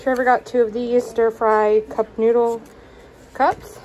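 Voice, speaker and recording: A young woman chatting casually in her kitchen, showing what she bought, with fillers and quick self-corrections. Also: on the high side, little pitch movement, a little mellow, a little hiss or hum, low-quality recording. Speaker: vlogger. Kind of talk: casual grocery haul narration. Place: home kitchen, indoors.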